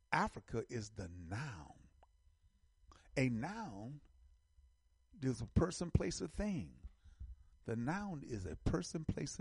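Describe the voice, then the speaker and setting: A man's voice: medium pitch, breathy edge, no echo, clean studio sound. A middle-aged man from the United States hosting an online show, giving casual commentary while reading an article, emphatic and repeating phrases as he builds lists.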